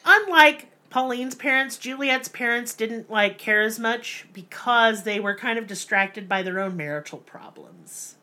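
Bright-voiced woman telling a story casually. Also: a little high, a little slow, hardly any pauses. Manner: profane, jokey storytelling with mock voices. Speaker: podcast host. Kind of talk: casual true-crime podcast chat.

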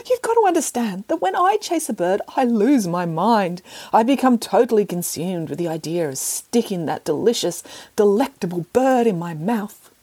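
A woman voicing a stubborn, whiny female tabby cat in a storybook, high and wailing. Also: sing-song, normal speed, darkish tone, slightly rough. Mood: plaintive.

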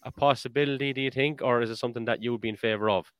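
A man's voice: medium pitch, steady tone, rapid-fire, clear, resonant tone, dry recording, studio quality. An Irish man hosting a podcast in a casual, conversational style. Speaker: podcast host. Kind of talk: casual chat.

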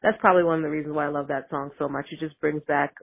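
A woman caller leaving a reflective voicemail for a podcast, pausing often with ums. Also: sits low, fairly even intonation, gravelly, slightly rough. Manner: hesitant and reflective, many ums. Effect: leaving a voicemail over the phone. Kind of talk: casual voicemail message. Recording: tinny phone line.

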